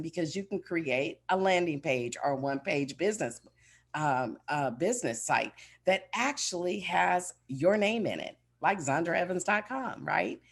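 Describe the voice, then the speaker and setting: Husky, low-voiced woman, enthusiastic corporate keynote speaker. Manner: enthusiastic, polished corporate pitch; emphatic, addresses listeners directly. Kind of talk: motivational business keynote talk.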